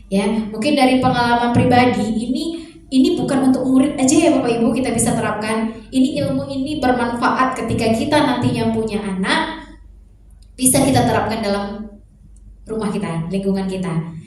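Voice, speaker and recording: A woman teacher and mother calmly explaining a classroom lesson, posing many rhetorical questions. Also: on the high side, a little fast, slight background noise. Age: adult mother. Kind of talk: sharing a lesson reflection. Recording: echoey room, voice far from mic.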